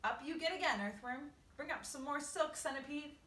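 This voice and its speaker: A plucky boy hero from a storybook, voiced by a woman gives urgent commands to his friends. The voice is bright and tense, with a swinging pitch and some room echo. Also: animated, unhurried, recorded from a distance, exaggerated voice. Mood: urgent, excited.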